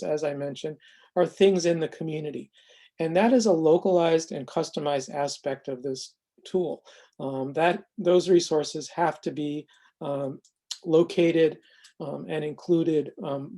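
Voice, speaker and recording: Presenting a software tool in an unscripted explanatory demo, an American man talks with frequent pauses in a measured, halting manner. His pitch is a little high.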